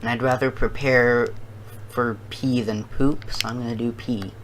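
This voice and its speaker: A challenge video host talking casually to viewers and thinking out loud in a halting way. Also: mid-range voice, fairly even intonation, slight background noise, low-quality recording.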